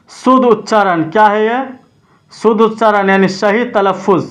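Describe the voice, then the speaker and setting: A man's voice: high-pitched, fairly even intonation, a little slow, fairly bright tone. A man teaching an exam-prep vocabulary lesson. He asks a question and then answers it himself, repeating each word pair.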